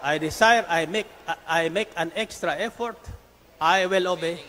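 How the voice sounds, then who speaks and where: A man's voice: sits high, measured pace, bright, forceful tone, a little hiss or hum. A male preacher speaking emphatically and rallying his congregation with call-and-response. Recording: long reverb of a large hall.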